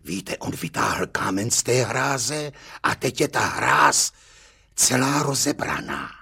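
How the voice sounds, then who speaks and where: A man voicing a vindictive village gendarme who speaks low and grudging in a storybook reading. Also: sing-song, vocal fry, pushed and bright, husky, full character voice. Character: vengeful male village gendarme.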